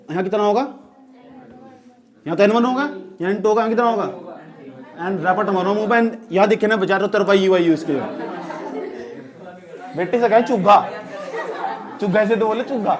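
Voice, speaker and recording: High-voiced joking physics teacher. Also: male voice. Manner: joking, repeatedly checks students understand. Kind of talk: classroom lecture. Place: classroom.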